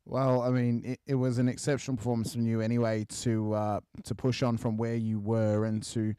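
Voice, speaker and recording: A man's voice: mid-range voice, level tone, a little fast, dark tone, smooth, dry recording, clean studio sound. An Australian man interviewing racers as a commentator, chatty and matey, generous with congratulations. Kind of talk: post-race interview.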